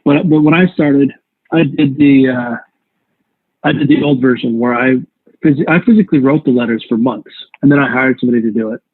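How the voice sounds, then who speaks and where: A man's voice: medium pitch, a little fast, husky, dry recording. A man teaching real estate investing in a live online workshop, talking conversationally with rambling asides and self-corrections. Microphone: video call. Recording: tinny call audio, dry.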